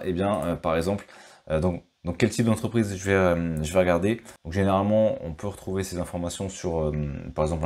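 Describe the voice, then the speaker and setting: French male finance vlogger, low and mellow voice, loose unscripted delivery full of hesitations. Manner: thinks aloud with frequent fillers and restarts. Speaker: stock market youtuber. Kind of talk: casual explainer commentary.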